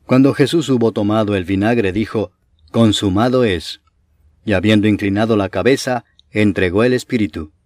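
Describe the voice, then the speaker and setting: A man reading scripture aloud in a measured, solemn way, slowing on key phrases. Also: lowish voice, a little mellow, no echo, studio quality. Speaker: Bible reader.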